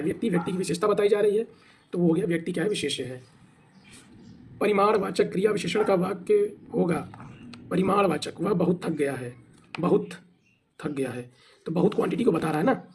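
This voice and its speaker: A man's voice: high-pitched, vocal fry, darkish tone, slight background noise. A man teaching an exam practice class, asking questions and answering them himself, sometimes spelling words out letter by letter. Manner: explains by asking and answering his own questions. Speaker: Hindi teacher.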